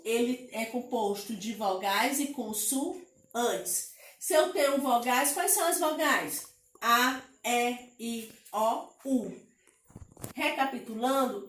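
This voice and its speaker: Brazilian woman teacher, children's lesson, very slow, spells out syllables, echoey room. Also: a little high, distant mic. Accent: Brazilian Portuguese.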